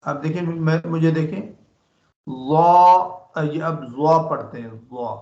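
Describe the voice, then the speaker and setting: A man teaching online, drilling letter sounds over a video call, slow and patient, repeating each syllable with emphasis. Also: on the high side, a little mellow. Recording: dull lo-fi video call in an echoey room.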